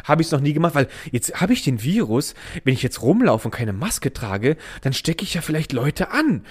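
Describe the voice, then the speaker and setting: A young man telling a funny story in casual chat, animated and laughing often as he goes. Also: on the high side, moderate pace, husky. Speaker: podcast co-host.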